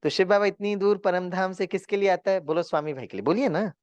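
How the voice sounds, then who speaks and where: A man teaching a spiritual class, telling a story in a lively way, acting out what people said and mixing in English words. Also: sits high, fast, no echo, highs cut off. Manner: animated, acts out quotes, mixes in English words.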